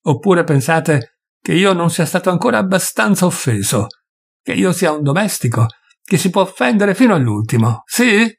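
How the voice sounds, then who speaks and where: A man voicing a furious, grieving male doctor who shouts and hammers out each word, with a husky voice. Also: high-pitched, sing-song, moderate pace, voice pushed up, exaggerated voice.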